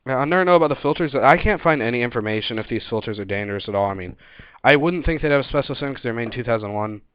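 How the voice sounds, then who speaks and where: A man's voice: mid-range voice, expressive, racing, clear, resonant tone, no echo. A man giving a casual, unscripted product review in an informal, hesitant manner, recorded on a webcam setup. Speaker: gear reviewer presenting a video. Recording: dull lo-fi webcam audio.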